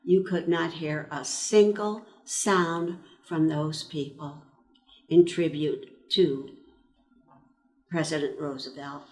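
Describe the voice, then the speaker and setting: A woman in her nineties from eastern Pennsylvania, slowly recalling her years as an army nurse in an interview, pausing often between phrases. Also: deep voice, a little mellow. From eastern Pennsylvania, USA. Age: 90s. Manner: slow, reflective storytelling with frequent pauses. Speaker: interviewee, World War II army nurse veteran. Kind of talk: reminiscing in an oral-history interview.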